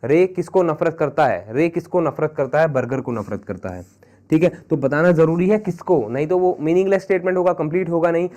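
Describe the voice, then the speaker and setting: A man's voice: a little high, brisk, darkish tone. A man with an Indian English accent teaching an exam-prep grammar lesson, switching between Hindi and English and asking the class questions. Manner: mixes Hindi and English, repeats questions to students.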